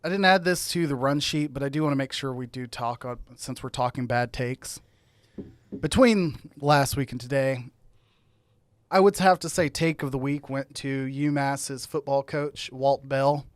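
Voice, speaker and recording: A man's voice: medium pitch, moderate pace, no room sound. An American man co-hosting a sports podcast in casual conversation.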